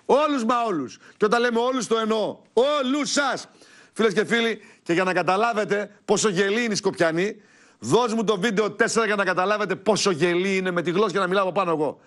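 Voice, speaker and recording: A high-voiced man hosts his own TV show from a studio. He rants angrily and shouts at viewers, insulting his targets, then turns to pushing products for sale. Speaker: TV show host. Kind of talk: heated political talk and product pitch.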